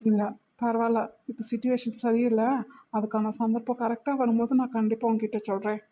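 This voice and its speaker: A woman voicing a steady young man. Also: on the high side, brisk, muffled recording, a little hiss or hum, lightly acted. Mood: pleading, exasperated. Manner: patient, reasoning, gently scolding. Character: calm protective young man, a medical student. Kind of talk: cartoon voice acting.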